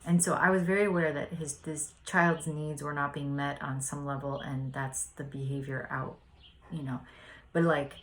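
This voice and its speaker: Soft-spoken low-voiced woman sharing reflections. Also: fairly even intonation, normal speed, poor audio. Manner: soft-spoken, hesitant, many fillers. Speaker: spiritual study vlogger.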